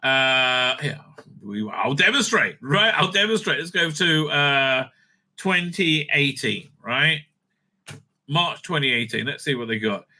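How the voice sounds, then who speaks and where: Speaking slowly in a medium-pitched, animated voice with a sharp tone, a male YouTube host and reviewer delivers rambling, opinionated commentary. He is blunt and dismissive, often repeats himself, and swears.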